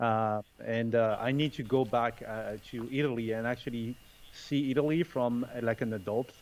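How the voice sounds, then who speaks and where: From his home in Bali, a French podcast guest chats casually in a remote interview, his voice medium-pitched, steady, darkish and moderately paced. He comes across as hesitant, laughing frequently and using many fillers and restarts.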